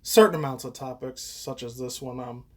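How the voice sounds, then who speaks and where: A man in his thirties rambles casually through reaction commentary as a YouTuber, crude, frank and profane, with chuckling asides. His mid-range voice is fairly bright and moves at a moderate pace.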